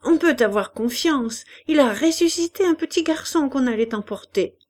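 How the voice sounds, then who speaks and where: A woman's voice: a little high, lively intonation, slow, darkish tone, voice pushed up, full character voice. A fawning, pious old woman, as a woman reader puts her on. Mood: wheedling. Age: older. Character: poor, bedridden old woman, wheedling and flattering.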